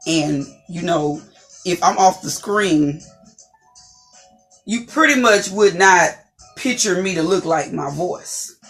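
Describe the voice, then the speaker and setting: Slow and fairly bright in tone, this deep-voiced, distinctive woman hosts an inspirational talk show with long pauses and faint music behind her. She is preachy and encouraging, repeating phrases as she builds to a point.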